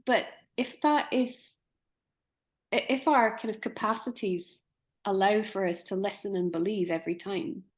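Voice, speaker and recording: A woman's voice: medium pitch, moderate pace. A woman in her forties hosting a conversation, musing and hesitant as she poses questions. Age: 40s. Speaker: podcast host. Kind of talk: conversational discussion.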